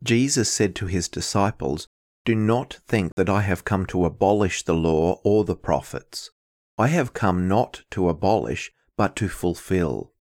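A man reading the Gospel as a minister in a measured, formal, liturgical style. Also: low voice, expressive, darkish tone.

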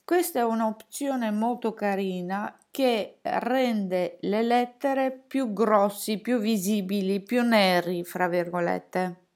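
Slow, patient woman explaining a phone. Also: medium pitch, darkish tone. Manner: unhurried, explains step by step with fillers. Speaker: teacher demonstrating a phone. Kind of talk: tutorial explanation.

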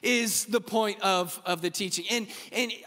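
A man in his thirties preaching a sermon from a church stage, a lively, joking storyteller who talks straight to the crowd. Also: high-pitched, measured pace. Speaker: pastor. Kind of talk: sermon with personal stories. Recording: long hall reverb.

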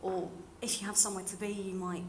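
A fast-talking young woman from London gives a plain-spoken, earnest testimony to her church congregation. Her mid-range voice holds a level tone, and her modern British accent is slightly RP. Background noise and room ambience are clearly audible.

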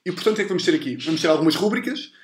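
A man from hosts in a casual, comedic way. His voice sits high for a man and races along very quickly. The recording has a roomy echo. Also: expressive, a little hiss or hum. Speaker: podcast host. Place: indoors in a home. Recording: roomy, echoey home recording.

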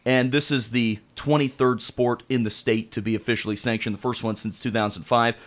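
A man's voice: medium pitch, steady tone, a little fast. A man with an American accent hosting an upbeat sports talk show on the radio, in a studio.

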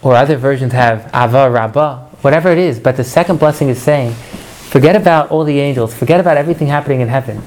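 A man teaching a Torah class to students, animated, asking rhetorical questions and mixing in Hebrew prayer phrases. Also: medium pitch, fast. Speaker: religious teacher.

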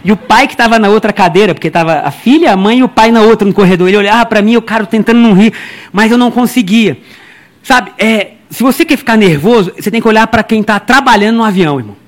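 A man with a high voice preaches to a church congregation in a loose, joking way. He talks straight to his listeners, calls them brother, and slips into the voices of the people in his stories. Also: fast. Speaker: pastor. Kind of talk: lively humorous sermon.

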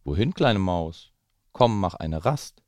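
A man's voice: low voice, animated, slow, a little mellow, dry recording. A man voicing an owl in a rhyming children's story, with hooting calls. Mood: inviting. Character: hooting owl, polite then panicky.

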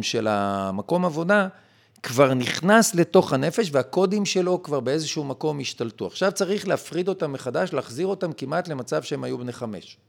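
A man's voice: a little high, creaky. A male podcast guest explaining his ideas in an emphatic, lecturing way. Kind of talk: conversational explanation.

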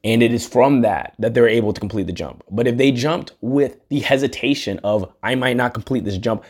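A man's voice: medium pitch, a little fast, a little mellow, breathy edge. A man hosting a podcast, talking in a casual, earnest, rambling monologue and swearing freely. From United States. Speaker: podcast host.

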